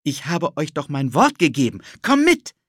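A man's voice: a little high, huge pitch swings, normal speed, husky, dry recording, clean studio sound, voice pushed up, exaggerated voice. A man voicing a mischievous, pushy young boy in an audiobook. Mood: excited pushy. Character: cheeky wild young boy. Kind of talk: audiobook character voice.

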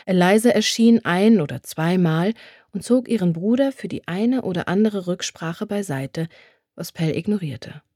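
A woman narrating a novel in a measured, even storytelling manner. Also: lowish voice, no echo, clean studio sound. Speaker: audiobook narrator.

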